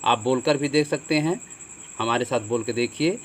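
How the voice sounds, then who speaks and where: A man's voice: mid-range voice, normal speed, a little hiss or hum. Man, Hindi grammar teacher, explanatory lesson, rhetorical questions, crickets faintly behind. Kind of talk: classroom lesson on a board.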